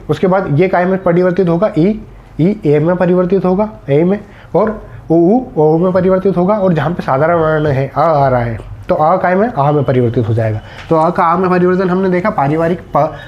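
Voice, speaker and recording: A man's voice: a little high, darkish tone, lo-fi sound. A man teaching a Hindi spelling lesson for exam students, explaining step by step and answering his own questions.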